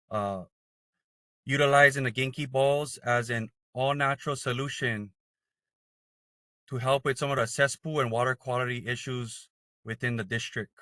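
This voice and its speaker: A man's voice: mid-range voice, pushed and bright, no echo. Man on a choppy video call. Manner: reads updates with many fillers. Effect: voice over a video call, breaking up. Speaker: legislative office staffer. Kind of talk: giving updates at a community meeting.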